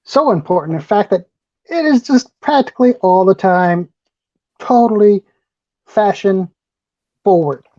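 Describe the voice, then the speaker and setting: A woman improvising a comic bit over a video call, loud and emphatic. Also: mid-range voice, lively intonation, measured pace, long pauses, highs cut off. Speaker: improv player.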